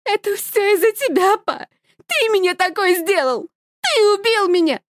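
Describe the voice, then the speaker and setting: A woman's voice: extremely high pitch, lively intonation, normal speed, no room sound, clean studio sound, voice pushed up. A woman doing a hysterical, sobbing mother. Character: desperate mother with a gun, unstable, grieving. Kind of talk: audiobook reading.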